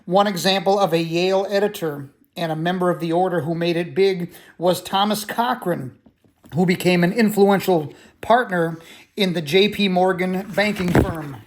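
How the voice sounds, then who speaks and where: A man reading a nonfiction book aloud as an audiobook narrator, in a steady, measured way with the odd restart. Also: high-pitched. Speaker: audiobook reader.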